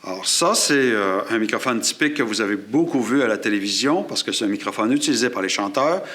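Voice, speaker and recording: A man's voice: on the low side, lively intonation, quick pace, a bit bright. Man explaining sound gear. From Quebec. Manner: explanatory, demonstrating gear while talking. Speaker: photography and sound instructor. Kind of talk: classroom demonstration. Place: studio table set up for filming. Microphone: shotgun mic on a boom above, aimed at his chest.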